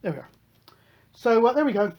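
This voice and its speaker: A man's voice: very high voice, sing-song, fairly quick, lo-fi sound, slight background noise. A British man hosting a hobby electronics video, talking through a hands-on demonstration in a chatty, matter-of-fact way.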